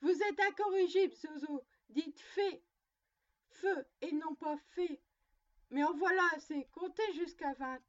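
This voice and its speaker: A woman's voice: sits high, a little slow, lo-fi sound. A woman voicing a little girl who scolds her doll in a stern, motherly way. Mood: scolding.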